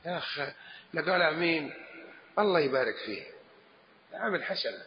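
A man's voice: on the high side, expressive, fairly quick. A man, a religious scholar giving a lesson and answering questions, speaking emphatically and acting out the phrases he quotes. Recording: echoey hall, dull lo-fi, faint hiss.

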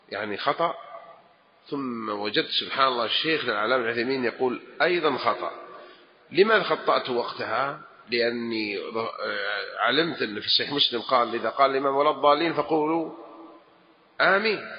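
A man, a religious scholar giving a lesson and answering questions, speaking emphatically and acting out the phrases he quotes. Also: on the high side. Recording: echoey hall, dull lo-fi, faint hiss.

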